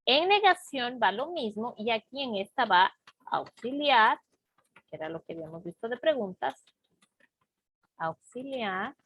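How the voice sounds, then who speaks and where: A woman teaching an English class, explaining grammar slowly and patiently and checking often that students follow. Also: on the high side, lively intonation, a bit bright, husky. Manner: slow, patient explaining with frequent check-ins. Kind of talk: online class lesson.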